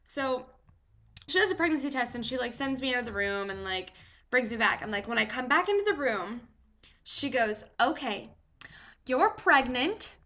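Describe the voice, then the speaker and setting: A young woman telling a story in a chatty, animated vlog, full of "like" fillers. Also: a little high, brisk. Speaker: vlogger.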